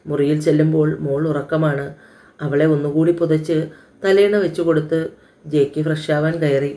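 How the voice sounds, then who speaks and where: A woman storyteller giving a calm, even, scripted narration of an audio love story. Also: low-pitched, normal speed.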